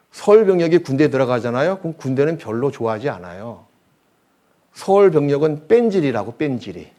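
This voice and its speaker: A male pastor preaching a sermon in a church, telling anecdotes with humor and swinging between loud bursts and quiet asides. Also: a little high. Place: church hall.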